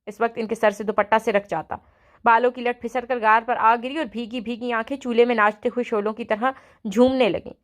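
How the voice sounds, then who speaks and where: A woman narrating a novel aloud in a steady storytelling manner. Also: fairly high pitch.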